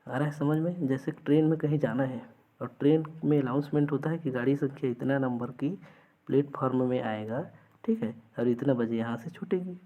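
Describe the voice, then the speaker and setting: A man's voice: medium pitch, brisk, narrow, tinny audio. A man teaching an exam-prep lesson, explaining through everyday examples and often checking that students follow.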